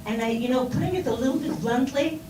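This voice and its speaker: This time the middle-aged Israeli woman sounds high-pitched and quick, yet dark in tone. She's speaking informally to seminar students, her English marked by a Hebrew accent and frequent fillers and restarts, in a noisy, roomy, distant recording.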